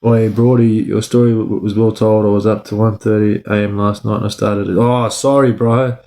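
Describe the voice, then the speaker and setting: A man's voice: lowish voice, level tone, normal speed, mellow. An Australian man chatting casually and spinning a yarn on a livestream, in sweary, matey eshay street slang. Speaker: livestream storyteller. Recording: echoey room.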